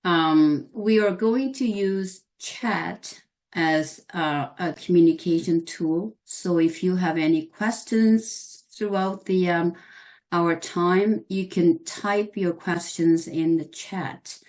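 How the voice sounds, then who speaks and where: Woman, low voice, slow and halting, explaining video call buttons to a group. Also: darkish tone. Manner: halting, many ums and restarts. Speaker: workshop facilitator. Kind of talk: giving a Zoom tutorial.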